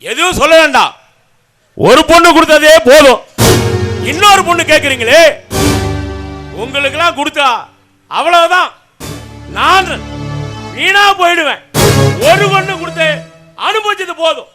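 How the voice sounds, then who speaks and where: A man's voice: very high voice, lively intonation, moderate pace, long pauses, music in the background. An actor playing a resentful middle-aged father-in-law who scolds the other family. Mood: bitter scolding. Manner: bitter, scolding. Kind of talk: family drama acting.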